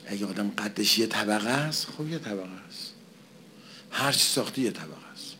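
A man's voice: on the low side, expressive, sharp tone, a little hiss or hum. A man preaching a conversational sermon, asking and answering his own questions and repeating phrases for emphasis.

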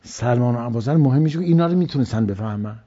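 A man's voice: mid-range voice, animated, mellow, muffled recording. A man preaching a religious lecture, telling stories and repeating phrases for stress. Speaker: cleric.

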